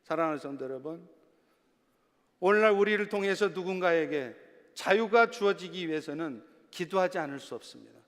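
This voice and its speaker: A man preaching a sermon as a pastor in a church, swinging between loud, emphatic passages and hushed, soft ones. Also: high voice, animated, brisk. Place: church sanctuary. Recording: long reverb of a church hall.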